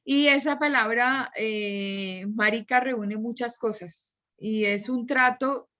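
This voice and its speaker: A woman teaches an online class and explains at length with examples. Her voice is bright and forward. The audio is dull and lo-fi. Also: a little high, slow.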